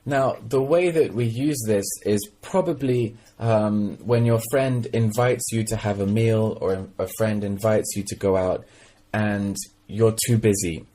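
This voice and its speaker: A man's voice: on the low side, mellow, a little hiss or hum. A man teaching English vocabulary, leading repeat-after-me drills, checking in often with "okay?" and adding short explanations in Mandarin. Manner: slow, patient delivery with frequent "okay?" checks; mixes in brief Mandarin explanations.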